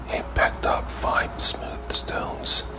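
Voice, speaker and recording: A man reads a children's fairy tale style bedtime story entirely in a breathy whisper. His delivery is very slow and gentle, with measured rhymed phrases in a soft ASMR manner.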